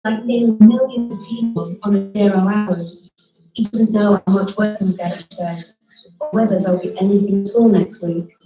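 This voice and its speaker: A woman giving calm, measured scripted narration for a documentary. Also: medium pitch, reverberant, muffled recording, over loud music.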